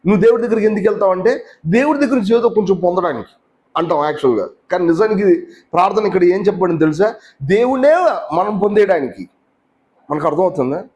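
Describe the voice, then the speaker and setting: A man's voice: high voice, a little mellow. A man preaching a teaching sermon in a conversational way, often asking the listeners questions and mixing in English words.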